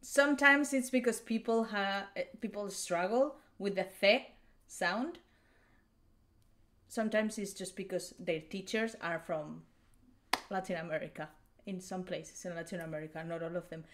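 A woman's voice: mid-range voice, normal speed, fairly bright tone. A young woman from Spain with a Spanish accent, chatting casually as a reaction video host and explaining pronunciation with restarts and small laughs. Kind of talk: casual commentary.

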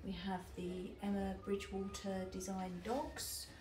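A woman showing customers around her small shop, chatty and relaxed with plenty of ums. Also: mid-range voice, a little slow, a crowd in the background. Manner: chatty and relaxed, many fillers like um and uh. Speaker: shop owner giving a tour. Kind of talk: casual walk-through shop tour. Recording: echoey shop room with clear background noise.

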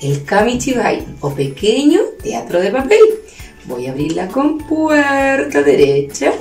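A Chilean preschool educator tells a picture-theater story to small children in a sing-song, lively voice whose pitch constantly rises and falls, though her pace is measured. The roomy space echoes, with soft music faintly in the background.

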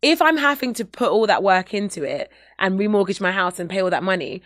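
An English woman in her thirties, a comedian chatting as a podcast guest, telling animated stories and laughing often. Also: medium pitch, brisk, dry recording, studio quality. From England. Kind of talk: casual podcast chat.

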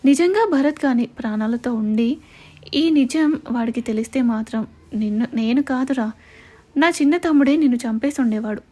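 A woman puts on a cold, gloating male gang boss who threatens with calm menace. The voice sits a little high and sounds mellow rather than harsh, in a storybook-style drama reading. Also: normal speed, natural voice. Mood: menacing. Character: vengeful middle-aged male villain gang boss.

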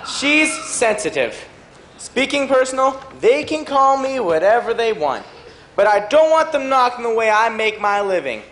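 A man's voice: very high-pitched, very animated, normal speed, fairly bright tone, full character voice. A man performing a stage monologue as a boastful self-made banana businessman, talking in a brash, bragging way. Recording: echoey auditorium.

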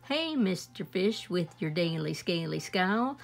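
A woman voicing a friendly male jellyfish who gently scolds a grumpy fish, in a storybook read-aloud. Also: on the low side, lively intonation, unhurried, vocal fry. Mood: chiding.

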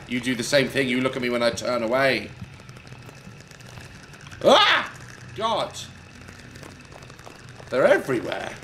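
There's slight background noise as this gaming YouTuber, a man in his thirties with a mid-range voice, jokily commentates on a horror game. He speaks into a headset mic and yelps and shouts when scared.

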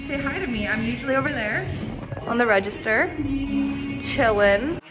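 A woman's voice: fairly high pitch, lively intonation, moderate pace, rough recording. A young adult woman chatting casually and playfully for a vlog, with giggly asides and exclamations. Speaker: vlogger. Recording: music behind the voice. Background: music.

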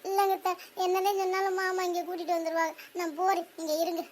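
A woman's voice: extremely high pitch, flat delivery, fast talker, a little hiss or hum. A woman voicing a jilted young woman in a cartoon family drama, whiny and reproachful. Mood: hurt. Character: jilted young woman, petulant would-be bride.

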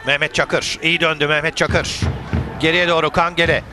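A man's voice: a little high, normal speed. A man giving live football commentary, calling out players' names as he follows the play. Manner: calls players' names, excitable shouts at key moments.

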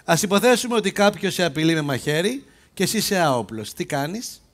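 On an open-air theatre stage, a comic actor leading a live sketch plays a bossy police self-defence instructor who mocks and scolds his fellow players. His voice is high with lively intonation.

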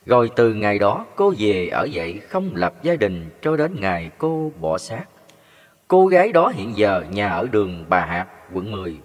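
A man's voice: on the low side, sing-song, normal speed. A man narrating a devotional story. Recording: long hall reverb.

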